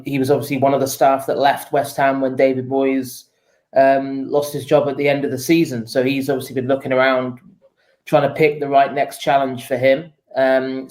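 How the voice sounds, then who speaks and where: A man answering interview questions as a football journalist, explaining things in a measured, conversational way. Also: medium pitch, darkish tone, poor audio. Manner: measured, explanatory, often says "you know". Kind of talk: casual interview answers, informed analysis.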